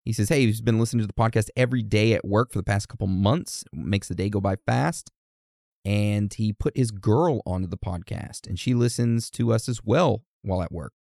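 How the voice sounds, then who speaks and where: A man's voice: on the low side, a little fast, gravelly, darkish tone, dry recording, studio quality. A man co-hosting a podcast, reading listener birthday messages in a casual, teasing, easily amused way. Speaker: podcast co-host.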